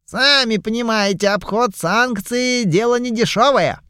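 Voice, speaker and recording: A man's voice: very high voice, moderate pace, bright, forceful tone, clean tone, no echo, studio quality, pitched above the performer's own voice. A man voicing a fussy old male goblin pirate who haggles, with a burring way of rolling his r's. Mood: wheedling. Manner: haggling, exclamatory, theatrical.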